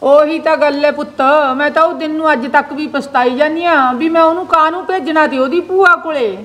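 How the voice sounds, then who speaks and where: A woman's voice: sits high, fairly quick, fairly bright tone. An older woman with a Malwai Punjabi accent, acting as a worried village mother whose son is held in a foreign jail. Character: grieving elderly village mother, worried for her jailed son. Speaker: actor in a village short drama. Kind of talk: amateur village drama acting.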